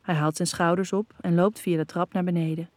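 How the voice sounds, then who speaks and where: Mellow woman narrating an intimate audio story. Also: on the low side, level tone, brisk, dry recording. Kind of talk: first-person erotic audio story narration.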